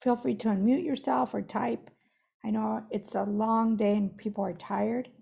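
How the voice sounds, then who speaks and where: A woman's voice: fairly high pitch, steady tone, normal speed, gravelly, dark tone, slightly rough. A woman who is losing her voice, guiding an online workshop in a chatty, self-correcting way over a video call. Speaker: workshop facilitator.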